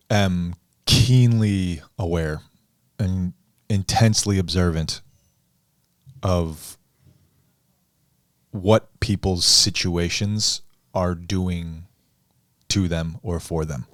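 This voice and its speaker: A man and coach on a podcast conversation, explaining ideas in a measured, thoughtful way. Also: sits low, steady tone, no echo, clean studio sound. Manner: measured, thoughtful, deliberate phrasing.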